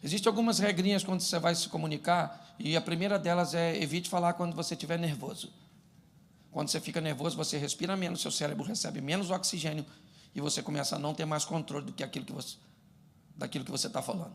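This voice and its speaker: A man's voice: fairly high pitch, fast talker, vocal fry, a little hiss or hum. A middle-aged man preaching a humorous sermon as pastor, acting out little scenes of married life. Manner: humorous, animated, acts out domestic scenes.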